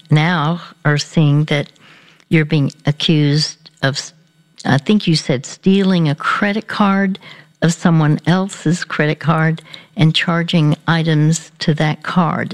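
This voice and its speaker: Host, male: slow, gentle, hesitant call-in counselor. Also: fairly high pitch. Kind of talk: call-in counseling talk show.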